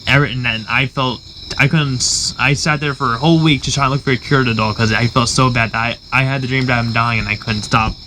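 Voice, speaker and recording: A young man hosting a casual podcast, speaking haltingly with frequent restarts. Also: medium pitch, fairly even intonation, background noise. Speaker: podcast host. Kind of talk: casual chat.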